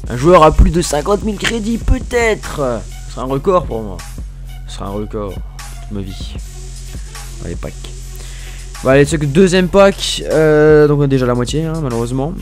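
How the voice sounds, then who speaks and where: Man, gaming commentary, excitable, self-mocking, stammers, faint music behind. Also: on the high side, moderate pace. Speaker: gaming YouTuber. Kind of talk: casual pack-opening commentary.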